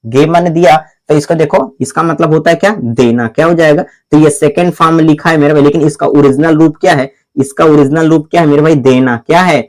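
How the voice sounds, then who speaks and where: A man with a fairly high voice and fairly even intonation runs a classroom-style grammar lesson in a drilling, repetitive way. He keeps posing the same question and answering it himself, often calling the listener "my brother," and slowly spells words out letter by letter.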